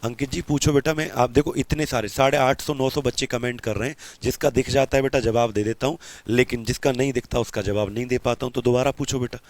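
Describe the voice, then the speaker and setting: A man teaching a live online physics class, asking questions and answering them himself, calling his students beta, and slowing down to dictate notes. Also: medium pitch, fairly even intonation, no echo.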